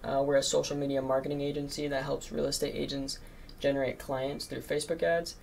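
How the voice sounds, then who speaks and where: A teenage man with a gravelly, fry-heavy voice pitches his marketing service on cold calls, with a faint hiss behind him. He talks nervously, filling gaps with "um" and "like". His voice sits at an ordinary pitch for a man. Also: level tone, a little fast, darkish tone. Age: teens. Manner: nervous, lots of fillers like "um" and "like". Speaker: marketing agency owner cold calling. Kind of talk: recorded cold calls and casual commentary.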